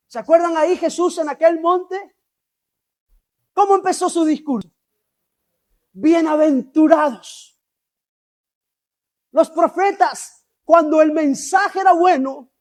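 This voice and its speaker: A man preaching a sermon as pastor, animated and asking the congregation questions. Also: very high voice.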